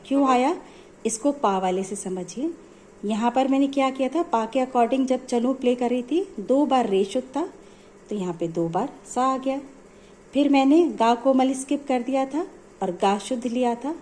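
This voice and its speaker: A woman's voice: a little high, warm tone, slight background noise. A woman music teacher explaining notes step by step in a patient, repetitive way. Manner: patient, explanatory, repeats points.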